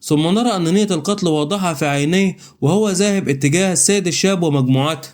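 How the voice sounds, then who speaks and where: A man narrating a comic story recap and reading all the characters' lines himself. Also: on the high side. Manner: brisk, reads every character's lines in the same plain voice.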